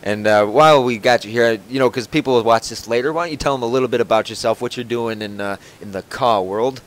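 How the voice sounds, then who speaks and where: A podcast host records a casual show from home over a voice call, rambling with lots of fillers and restarts. His voice is medium-pitched and fast, with a little hiss or hum in the audio.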